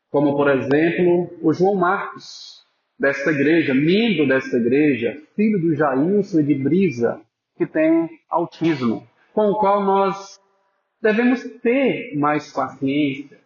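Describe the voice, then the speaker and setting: A man with a high voice preaches slowly and earnestly to his congregation. His sound carries the echo of a church and has a dull, lo-fi quality. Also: a little hiss or hum. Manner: earnest, pastoral, addresses listeners as brothers, drops to a soft voice for emphasis. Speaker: pastor. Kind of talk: sermon.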